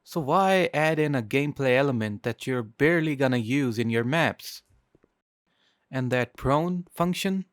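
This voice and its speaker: A man's voice: medium pitch, expressive, unhurried, dry recording, studio quality. A man narrating a scripted video essay as a game reviewer. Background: music.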